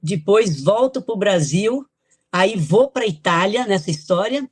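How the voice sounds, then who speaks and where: An older Italian woman, a guest author on a podcast interview, tells personal stories from her life in a chatty, reminiscing way, laughing lightly between thoughts. Her medium-pitched voice is measured in pace, with lively intonation and a breathy edge. The audio is dry and close, free of room echo.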